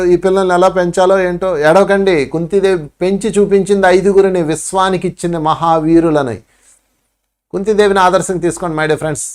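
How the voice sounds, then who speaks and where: A man with a Telugu accent and a smooth, high-pitched voice gives a spiritual talk as a teacher. His manner is preachy, and he acts out pleading voices to drive his points home.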